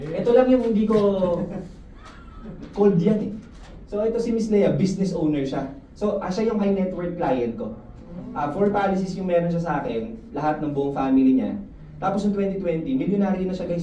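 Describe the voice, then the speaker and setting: A man giving a lively, joking motivational talk to his insurance sales team, often asking the room questions. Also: sits high, normal speed. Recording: echoey room, mic at a distance, faint noise.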